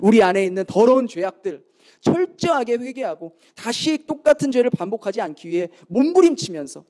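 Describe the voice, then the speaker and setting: Male pastor preaching, highish mellow voice, acts out prayers, keeps asking the congregation questions. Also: sing-song, a little fast. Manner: emphatic preaching with dramatic acted quotes; asks the congregation rhetorical questions. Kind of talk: sermon.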